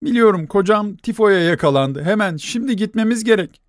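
A woman's voice: medium pitch, expressive, a little fast, dry recording, studio quality, voice pushed up, natural voice. A man voicing a frantic, pleading young wife. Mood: insistent. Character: desperate young wife begging a doctor.

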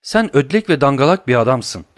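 A man's voice: mid-range voice, big pitch swings, brisk, no echo, clean studio sound, pitched above the performer's own voice, lightly acted. A man voicing a stern, commanding nobleman disguised as a priest, reading an audiobook. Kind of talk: audiobook character voice.

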